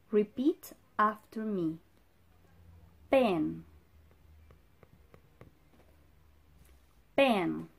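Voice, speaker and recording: A young woman, a native Spanish speaker, teaching English to young children in simple, emphatic phrases as if to a toddler, pausing for answers. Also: mid-range voice. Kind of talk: children's vocabulary lesson with repeat-after-me drills. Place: indoor room in front of a whiteboard.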